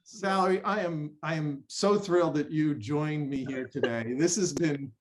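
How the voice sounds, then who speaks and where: A man's voice: on the high side, measured pace. A man hosting a podcast conversation, speaking in an affirming, enthusiastic way. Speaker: podcast host.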